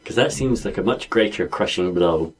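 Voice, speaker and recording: A man's voice: low-pitched, expressive, moderate pace, slightly rough, poor audio. A man co-hosting a podcast, telling stories and musing in casual chat with light laughs. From Scotland. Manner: thoughtful, storytelling, light laughs. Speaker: podcast co-host.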